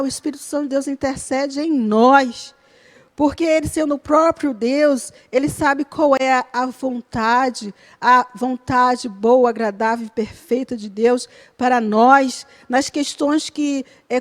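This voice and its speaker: A woman leads a church Bible study class. Her voice sits high, and she explains each verse earnestly and step by step. She keeps checking in with her listeners through short tag questions. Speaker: Bible school teacher.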